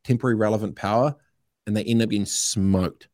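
A man's voice: fairly low pitch, fairly even intonation, brisk, a little mellow, dry recording, clean studio sound. A middle-aged man with a New Zealand accent, talking casually and emphatically as a podcast guest, with plenty of slang and swearing. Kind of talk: casual opinionated conversation.

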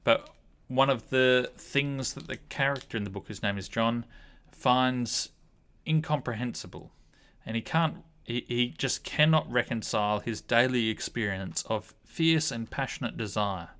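Male discussion leader, measured and thoughtful, mid-range voice, unhurried reflective delivery. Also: medium pitch, fairly bright tone, clean tone. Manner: thoughtful, measured, with frequent ums.

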